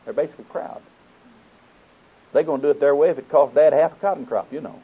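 A man with an Oklahoma accent delivers a folksy sermon, quoting scripture and putting questions to his listeners, in a fairly high, fast voice with a breathy edge. The recording sounds muffled and narrow, like a phone line.

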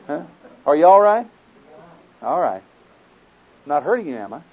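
A man's voice: fairly high pitch, sing-song, a little slow, breathy edge. A man with an Oklahoma accent preaching a folksy sermon, quoting scripture and putting questions to his listeners. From Oklahoma, United States. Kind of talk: sermon teaching with scripture quotations. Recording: muffled, narrow phone-like sound.

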